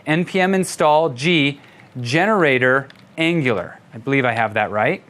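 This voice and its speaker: A man's voice: mid-range voice, expressive, moderate pace, a bit bright. An older man teaching web development during a live session, walking through tools with a playful, chuckling manner. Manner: playful, chuckling while demonstrating. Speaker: instructor. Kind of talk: live coding tutorial.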